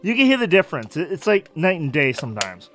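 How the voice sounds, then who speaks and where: A male host of a casual video interview, talking in an animated way and often repeating "I'll say this.". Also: a little high, fast, faint music behind. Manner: animated, repeats "I'll say this", loud and hyped in outro.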